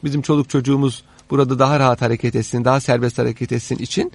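A man explaining history in conversation as an expert guest, haltingly, pausing mid-sentence and rephrasing as he goes. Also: mid-range voice, steady tone, breathy edge, dry recording. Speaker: interviewed guest, expert on old Istanbul.

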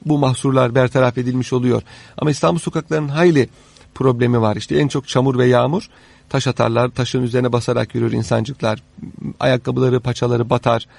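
A man explaining history in conversation as an expert guest, haltingly, pausing mid-sentence and rephrasing as he goes. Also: medium pitch, steady tone, creaky, a little mellow, dry recording. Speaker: interviewed guest, expert on old Istanbul.

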